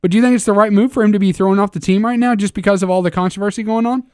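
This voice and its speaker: High-voiced man hosting sports talk. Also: fairly even intonation, rapid-fire, darkish tone, smooth, no echo, studio quality. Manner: stammering restarts, leads questions.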